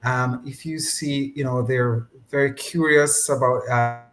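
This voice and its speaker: A man, a physician on a panel, speaking in a measured, hesitant way with many pauses and restarts. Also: mid-range voice, fairly even intonation, poor audio. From Jamaica. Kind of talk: casual panel discussion.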